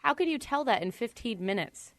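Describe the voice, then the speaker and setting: A woman's voice: on the high side, lively intonation, brisk, no echo. Blunt, sarcastic female radio co-host. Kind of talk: morning radio show banter. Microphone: studio microphone.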